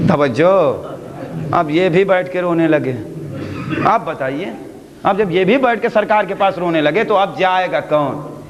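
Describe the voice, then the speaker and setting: High gravelly guy preaching, emphatic, old hall recording with long echo. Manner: emphatic, often calls for attention. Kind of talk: Shia majlis sermon. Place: large gathering hall.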